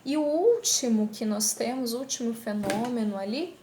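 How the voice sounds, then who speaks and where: A woman teacher with a fairly high voice explains things patiently, one step at a time, often checking that her class is following. She slows right down to read examples aloud. Her voice rings in an echoey room under a faint hiss. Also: animated, dark tone. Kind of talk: recorded online class.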